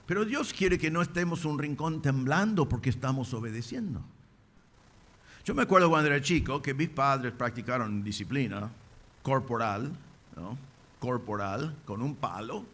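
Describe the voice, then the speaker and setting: A man's voice: medium pitch, pushed and bright. A man preaching a sermon as pastor, emphatic, with rising bursts and rhetorical questions. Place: church.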